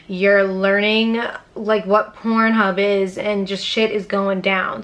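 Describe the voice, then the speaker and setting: A young woman talking straight into her camera for a storytime vlog. She rambles casually, swears freely and drops fillers all the time. Her voice sits at an ordinary middle pitch for a woman. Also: fairly bright tone. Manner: casual, profane and chatty, with frequent fillers. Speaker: YouTuber. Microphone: camera mic, talking to camera.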